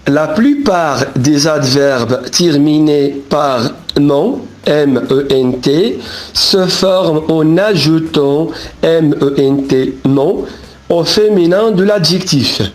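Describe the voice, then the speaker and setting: Slow, deliberate male teacher. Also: on the high side. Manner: slow and deliberate, spells out letters, corrects himself. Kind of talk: grammar lesson explaining rules.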